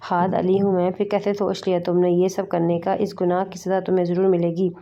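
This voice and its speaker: A woman's voice: fairly low pitch, little pitch movement, warm tone, natural voice. Woman reading as a cold, possessive young man. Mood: threatening. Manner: threatening, commanding. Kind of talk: novel read-aloud. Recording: dull lo-fi recording.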